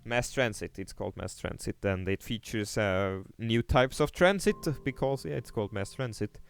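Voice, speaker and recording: A young Swiss man with a Swiss German accent casually comments on his city-building game during a livestream, hesitating with lots of fillers and restarts as he reads chat aloud. His voice is gravelly and fairly low, at a moderate pace.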